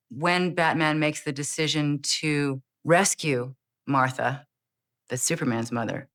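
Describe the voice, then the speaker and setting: A woman's voice: sits low, a bit bright. A woman giving a thoughtful, explanatory interview answer.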